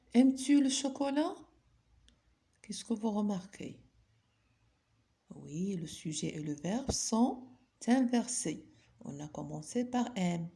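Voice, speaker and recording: A woman's voice: mid-range voice, vocal fry, mellow. A woman teaching a grammar lesson, patiently asking her pupils questions and then answering them herself. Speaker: French teacher.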